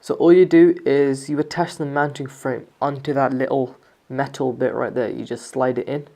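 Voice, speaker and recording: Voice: mid-range voice, fairly even intonation, normal speed, mellow. A person giving a casual, explanatory product review, talking through features step by step in an informal way. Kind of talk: casual scripted-sounding product review narration.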